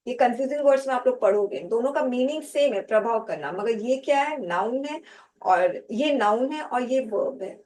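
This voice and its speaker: A woman teaching a vocabulary lesson to exam students, speaking slowly and deliberately, spelling out and repeating each term. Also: on the high side, animated, darkish tone, rough recording. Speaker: English teacher for competitive exams. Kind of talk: slow classroom lecture, mixing Hindi and English.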